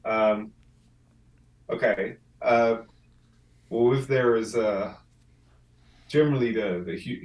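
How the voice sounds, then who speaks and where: A man playing in a tabletop game, thinking aloud haltingly. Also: mid-range voice, darkish tone. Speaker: player. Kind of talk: tabletop role-play chat. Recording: echoey room, far from the mic.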